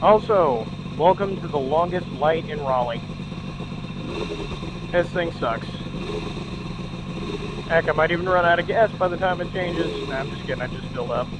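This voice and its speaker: Young guy muffled in his helmet, high voice, chatty and joking, loud engine and road roar behind. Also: moderate pace, long pauses, heavy background noise. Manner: chatty, joking running commentary. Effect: muffled voice from inside a helmet. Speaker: motorcycle vlogger. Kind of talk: casual chat while riding. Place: outdoors, riding a motorcycle in the rain.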